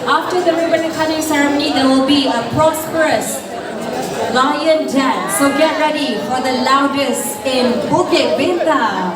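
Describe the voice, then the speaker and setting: A woman's voice: high voice, measured pace. A woman with a Malaysian accent hosting a stage event, making podium-style announcements and cueing the audience to join in. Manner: addresses the crowd, cueing them to join in. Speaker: event host, emcee. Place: large venue on a stage PA. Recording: echoey event venue, distant, crowd and loud music.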